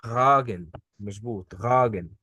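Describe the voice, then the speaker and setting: Here the Egyptian-accented tutor's voice is on the low side, measured, sharp and a little breathy, recorded with no room sound but dull audio. He works one-on-one on German pronunciation, patiently repeating words for his student.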